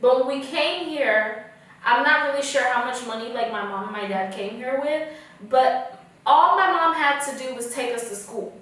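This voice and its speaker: Young female podcast guest from Kenya, chatty, laughs often, high voice; very echoey room, distant mic. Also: moderate pace, a bit bright. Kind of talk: casual chat.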